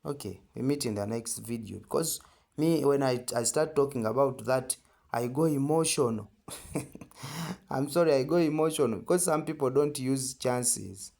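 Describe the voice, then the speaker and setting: A gravelly, slightly mellow mid-range voice at normal speed belongs to a Ugandan-accented man teaching trading informally, step by step. He hammers points home through repetition and keeps asking short questions to check in.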